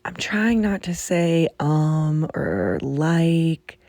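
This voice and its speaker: A woman's voice: low voice, lively intonation, drawn-out words, a little mellow, no echo. A young woman hosting a casual podcast from her bedroom, chatting and ranting in exasperation and swearing freely, recorded under a blanket. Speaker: podcast host. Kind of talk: casual chat. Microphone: muffled under a blanket.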